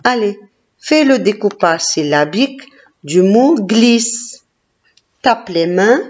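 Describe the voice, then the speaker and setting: A woman teacher leading a classroom phonics lesson, slowly sounding out syllables and praising each child. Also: medium pitch, lively intonation, darkish tone. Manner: slow, encouraging, sounding out syllables. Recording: dull lo-fi recording.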